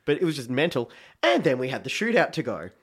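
A man, chatting casually about football and retelling a match with animated excitement. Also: mid-range voice, fast, slightly rough.

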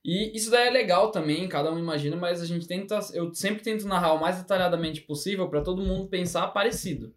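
Fast high-voiced game master. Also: male voice, roomy sound. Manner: fast, slangy, enthusiastic. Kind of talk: casual chat.

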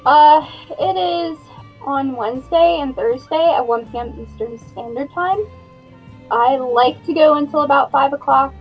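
A woman's voice: sits high, a little slow, lo-fi sound, faint music behind. A woman streamer guesting on a podcast, talking casually and hesitantly with lots of fillers. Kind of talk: casual chat.

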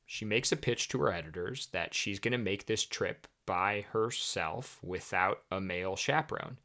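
A man's voice: fairly low pitch, normal speed, sharp tone. A man hosting a podcast, casually telling a history story with chatty, wry asides. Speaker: podcast host.

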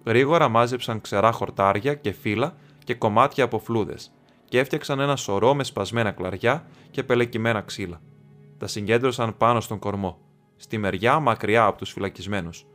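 A man from Greece reading an audiobook aloud in a steady, measured narration. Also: lowish voice. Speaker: audiobook reader. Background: faint music.

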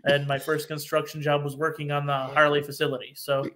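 A man's voice: on the high side, completely flat delivery, fairly quick, sharp tone. A man from Wisconsin, a guest on a casual podcast chat, explaining things in earnest detail with many restarts.

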